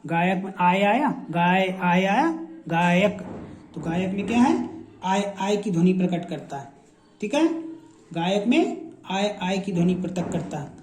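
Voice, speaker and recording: A man's voice: high-pitched, lively intonation, unhurried, darkish tone, a little hiss or hum. A man teaching a shorthand class, saying each example word aloud again and again as he explains how it is written. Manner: repetitive, drills each word aloud several times. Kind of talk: classroom lesson. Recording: echoey room.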